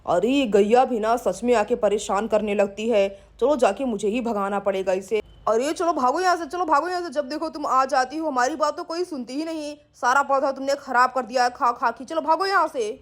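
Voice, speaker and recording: A woman's voice: high-pitched, normal speed, pitched below the performer's own voice, lightly acted. A woman voicing a grumpy, bossy village uncle in a doll story, grumbling and scolding. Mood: annoyed. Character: gruff grumpy middle-aged village uncle.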